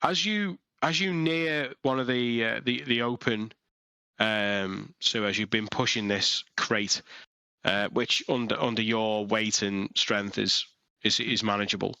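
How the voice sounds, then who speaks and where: Guy dming on a headset, lowish voice, keeps restarting his sentences, dry sound. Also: steady tone, vocal fry, pushed and bright, smooth, dry recording. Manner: halting narration with many fillers and restarts. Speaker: dungeon master. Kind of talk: narrating a tabletop game over voice chat.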